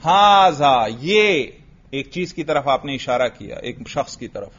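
A man teaching Arabic grammar in a slow, patient way, quizzing students with repeated questions and drills. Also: a little high, expressive, a bit bright, highs cut off. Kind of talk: classroom grammar lesson with drills.

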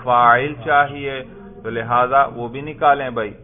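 A man's voice: medium pitch, steady tone. Male grammar teacher who quizzes and repeats answers, thin phone-like sound. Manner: questioning, repeats student answers, praises. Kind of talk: classroom grammar lesson. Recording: tinny phone-like lo-fi audio.

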